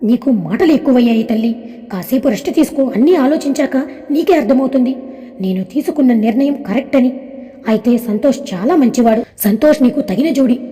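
Angry storybook father, domineering and scolding, voiced by a woman reading the tale, dark mellow tone. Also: on the high side, animated, brisk, big-room sound, close to an everyday voice. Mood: stern. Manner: scolding, threatening.

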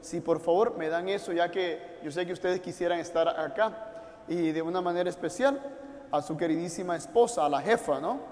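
Priest with a high voice in a reverberant church. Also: male voice, brisk. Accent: Puerto Rican Spanish. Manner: warm pastoral, direct appeals to listeners at home. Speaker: priest leading mass. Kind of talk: liturgical address to an online congregation. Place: church altar.

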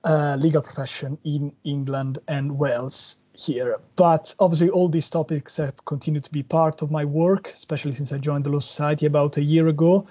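A man from Italy with an Italian accent, giving a measured, explanatory webinar presentation over a video call. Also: a little high, fairly even intonation, dark tone, highs cut off. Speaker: policy advisor speaker.

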